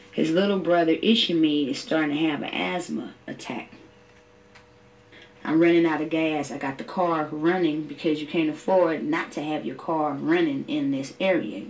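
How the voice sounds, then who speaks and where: A middle-aged woman from Oakland recounts a personal ordeal in her own words. Her voice sits low and she tells it with vivid, emotional detail. The mic is some distance from her. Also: darkish tone. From Oakland, California. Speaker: interviewee, mother. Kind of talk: personal testimony.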